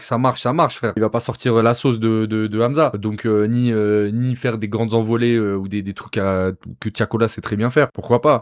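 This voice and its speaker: A man hosting a casual music reaction, talking frankly with many fillers and stammered restarts, and joking as he goes. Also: on the low side.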